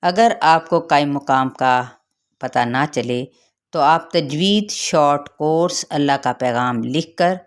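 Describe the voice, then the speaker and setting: A woman with a Pakistani Urdu accent teaching Quran recitation rules, explaining each letter slowly and carefully. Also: rumbling low. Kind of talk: tajweed lesson with recitation.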